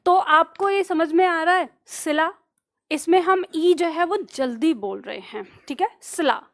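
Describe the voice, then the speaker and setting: A woman with a high voice leads an online exam-prep lesson. She repeats each phrase slowly so students can copy it down, then asks a question and answers it herself. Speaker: Hindi grammar teacher.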